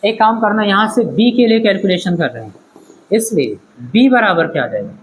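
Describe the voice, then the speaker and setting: A man's voice: high-pitched, lively intonation, normal speed, slight background noise, rough recording. A man teaching a physics class in a classroom-lecture style, asking questions and checking that the students follow. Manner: questioning, checks understanding, calls students "beta".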